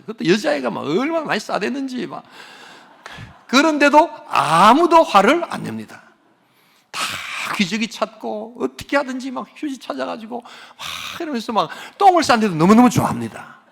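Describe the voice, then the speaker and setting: An older man, a pastor, preaching a sermon with animated storytelling and sometimes dropping to a whisper. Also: very high-pitched, fairly quick, gravelly.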